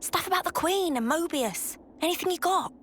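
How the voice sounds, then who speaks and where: A woman's voice: very high-pitched, expressive, moderate pace, a little hiss or hum. An actress voicing a nosy, blunt young woman companion in a video game, talking in a pushy, casual way.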